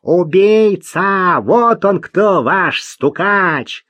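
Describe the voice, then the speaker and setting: A man's voice: high voice, animated, very slow, a bit bright, no room sound, pitched above the performer's own voice, exaggerated voice. A male narrator voicing a crude, jumpy vagrant man with a nasal voice and a strong provincial French accent. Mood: mocking.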